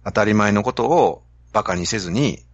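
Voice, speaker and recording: Lively Kansai man explaining on a podcast. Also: on the low side, moderate pace, dry recording, lo-fi sound. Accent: Kansai Japanese. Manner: animated storytelling, explaining a business idea. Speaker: podcast host. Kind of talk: casual podcast talk.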